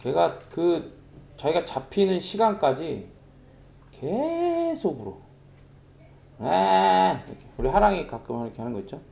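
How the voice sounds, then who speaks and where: Preaching in a warm, expressive way, this middle-aged pastor has a fairly high voice with vocal fry and a moderate pace. His sermon unfolds like a conversation, told as a story with lively sound imitations.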